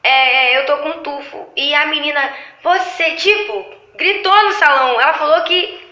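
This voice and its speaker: High bright woman telling stories. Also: a little slow. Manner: animated storytelling, acting out clients' lines. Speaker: lash artist. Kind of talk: casual chat. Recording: echoey room.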